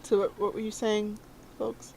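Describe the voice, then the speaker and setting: A woman's voice: mid-range voice, little pitch movement, moderate pace, gravelly, noisy background. Questioning woman player at a game table. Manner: quizzical, keeps asking questions. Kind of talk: casual tabletop game chat.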